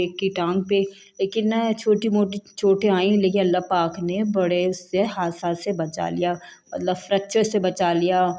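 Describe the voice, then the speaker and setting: A woman's voice: mid-range voice, warm tone. A woman in her thirties from Pakistan, telling a personal story in an earnest home vlog, filming on a handheld phone indoors and often stressing "believe me". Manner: earnest, emphatic retelling, often repeating "believe me". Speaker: vlogger, mother.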